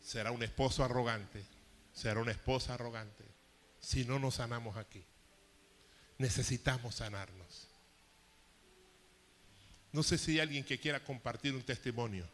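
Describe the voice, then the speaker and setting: A man's voice: mid-range voice, moderate pace, pauses often, a bit bright, slight background noise. A man in his fifties preaching a sermon as a pastor, telling a personal story with emotion and rising intensity. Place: church hall. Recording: long hall reverb.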